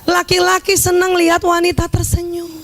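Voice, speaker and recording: A woman's voice: extremely high pitch, monotone, normal speed. A woman giving an Islamic lecture on family life to an audience of women, speaking to them directly with humor and acting out small dialogues. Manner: humorous, acts out little dialogues; addresses audience directly as 'Bu'.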